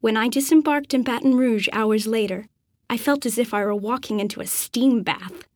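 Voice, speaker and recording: A woman narrating an audiobook in the first person, with a measured, expressive reading. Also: on the high side, dry recording, studio quality.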